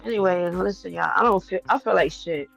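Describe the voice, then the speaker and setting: A woman's voice: lowish voice, fairly quick, gravelly, a bit bright, faint music behind, poor audio. A woman chatting casually to livestream viewers while unwell, tight-chested and short of breath. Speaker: livestream host.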